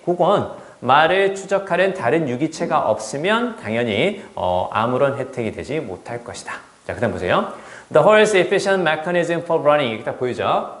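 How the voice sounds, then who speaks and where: A man teaching a test prep English class, explaining step by step and asking rhetorical check questions. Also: mid-range voice. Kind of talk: classroom lecture. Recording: roomy classroom echo.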